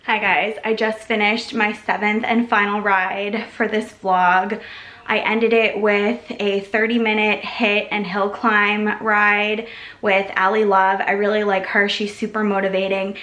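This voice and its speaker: A woman's voice: mid-range voice, level tone, a little slow, fairly bright tone, roomy sound. A woman vlogging to a handheld camera in casual, upbeat chat, full of likes and ums, out of breath after a workout. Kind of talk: casual vlog talk to camera.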